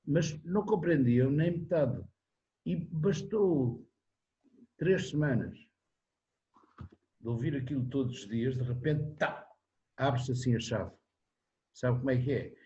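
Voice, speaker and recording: A man in his seventies with a European Portuguese accent, answering in a relaxed interview, rambling with restarts and frequent tag questions. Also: mid-range voice, measured pace, pauses often, highs cut off. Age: 70s. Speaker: interviewee, singer-songwriter.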